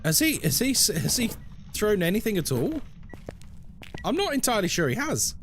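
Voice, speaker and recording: A man's voice: sits high, sing-song, normal speed, fairly bright tone. Guy streaming a game, chatty and playful, voice jumps around a lot, bit of noise behind him. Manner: playful, tongue-in-cheek banter. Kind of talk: casual chat and game commentary to viewers.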